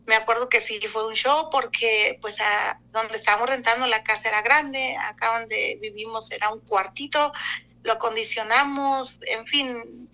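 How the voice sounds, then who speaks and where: A woman giving an emotional personal testimony, talking haltingly with many fillers and restarts. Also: fairly high pitch, sharp tone, rough recording. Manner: fearful, emotional retelling.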